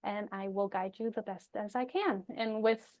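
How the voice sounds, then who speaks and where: A woman's voice: mid-range voice, fairly even intonation, moderate pace, muffled recording. Reassuring woman coach, casual and personal. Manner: encouraging, reassuring, informal with frequent emphasis. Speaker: energy coach presenting her program. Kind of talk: casual, personal program pitch to viewers.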